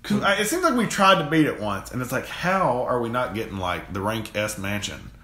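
A man's voice: medium pitch, sing-song, fairly quick, bright, forceful tone. Rambling man in an echoey room. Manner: rambling, enthusiastic, repeats words. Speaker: co-host of a gaming channel. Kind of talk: casual chat. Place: home room, games on the shelf behind.

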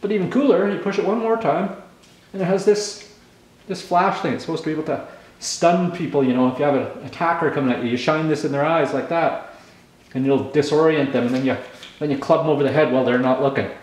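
A Canadian man in his forties hosts a casual tool demo vlog, showing his tools on camera and rambling with lots of ums. He is chewing gum, so his speech is slightly mumbled. His voice is a little high and darkish, he talks fast, and the room is very echoey.

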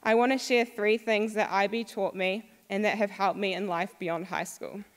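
Young New Zealand woman, former student, upbeat speaker, mid pitch, reverberant hall. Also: fairly even intonation, normal speed. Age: young adult. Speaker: alumna speaker. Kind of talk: prepared talk to an audience. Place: school hall.

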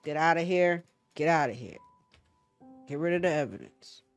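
Excitable woman gamer yelling at monsters. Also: sits low, normal speed, soft background music. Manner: loud, excitable, yelps and swears at enemies; talks to the game creatures and her viewers. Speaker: gaming channel host. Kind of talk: casual gameplay commentary.

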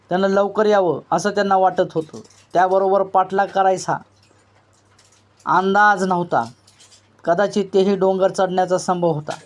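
Higher-pitched man reading a novel aloud. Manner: measured, literary storytelling delivery. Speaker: narrator.

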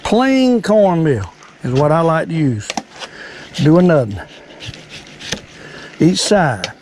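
Folksy older Southern man, higher-pitched voice. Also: big pitch swings, takes it slowly, darkish tone, slight background noise. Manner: folksy old fisherman, repeats phrases. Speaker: cooking and fishing video host. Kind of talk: casual how-to chat.

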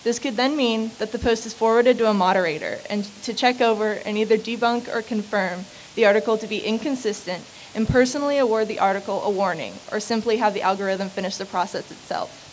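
A late-teen American woman, the winner of a student essay contest, reads her essay aloud briskly at a stand microphone on a podium set on outdoor building steps. Her voice is medium-pitched, and the low-quality recording carries a clear hiss behind it.

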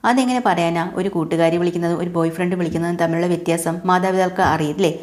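A woman's voice: on the low side, fairly even intonation, rapid-fire, darkish tone, lightly acted. A woman voicing a sensible young woman who defends herself with patient reasoning. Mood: defensive.

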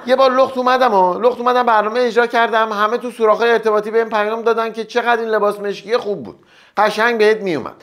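Brief: young man, comedy host, voice sits very high, teasing jokey monologue patter. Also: a bit bright, a little hiss or hum. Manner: joking, teasing banter with quick asides. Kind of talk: satirical stand-up monologue.

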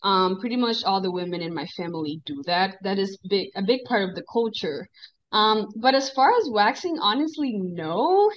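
A woman in her twenties from the Dominican Republic, a guest on a podcast, talking in a friendly, relaxed way over a video call. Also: mid-range voice, normal speed. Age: 20s. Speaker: guest, esthetician. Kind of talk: casual interview chat. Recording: dull video-call audio.

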